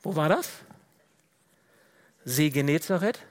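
A man preaching a sermon in a casual, conversational way, often dropping to quiet, low tones for emphasis. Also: animated, slow. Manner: rises and gets louder when reading out dramatic Bible quotes.

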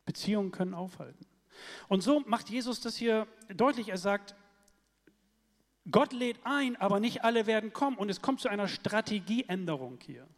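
A man preaching a sermon in a lively, conversational way, often checking in with his listeners. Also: sits high, big-room sound.

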